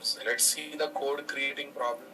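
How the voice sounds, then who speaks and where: A man's voice: medium pitch, fairly even intonation, normal speed. A man with a Telugu Indian accent giving a live programming lecture, repeating his phrases and checking in with questions to his students. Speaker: programming instructor. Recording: distant mic, background noise.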